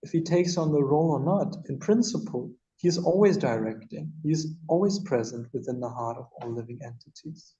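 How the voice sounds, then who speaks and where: A man giving an extempore religious discourse as a spiritual teacher, haltingly repeating words, over a muffled online call. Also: fairly high pitch, warm tone.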